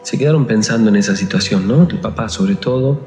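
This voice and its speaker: A man narrating a ghost story in slow, deliberate phrases. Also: lowish voice, mellow, slight background noise. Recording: echoey room with long reverb and faint music.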